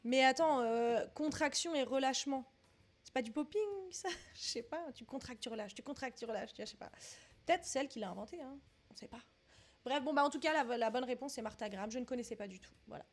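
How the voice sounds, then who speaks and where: A woman's voice: high-pitched, quick pace. Chatty young woman thinking aloud. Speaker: vlogger doing a dance quiz. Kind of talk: casual quiz commentary.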